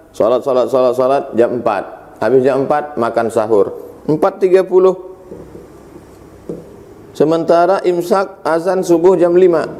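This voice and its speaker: A man's voice: lowish voice, warm tone. A man giving an Islamic religious lecture, reciting Arabic verses and translating them, asking rhetorical questions and answering them himself. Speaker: Islamic preacher.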